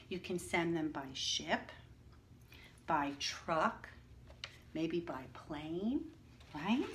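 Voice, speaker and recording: A woman with a mid-range voice reads a picture book to her class, slowly and clearly, her pitch rising and falling widely to make every line expressive. Like a patient teacher, she often stops to explain things and ask the children questions.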